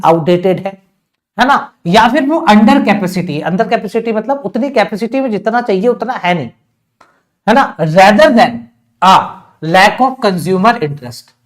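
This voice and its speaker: A man with an Indian accent teaching an online exam-prep lesson. He reads English passages slowly, explains each word in Hindi, and teases his students with rhetorical questions. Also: high-pitched. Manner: chatty and teasing, with many rhetorical questions.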